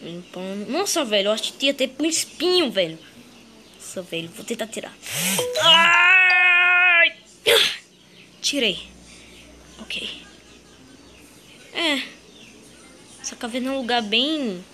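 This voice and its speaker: A woman's voice: on the high side, very animated, moderate pace, pauses often, pushed and bright, slight background noise. A woman playing a young male green dinosaur on the run in a game, talking to himself in a chatty, slangy way. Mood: resting. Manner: chatty, slangy, talks to itself. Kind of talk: in-character game role-play.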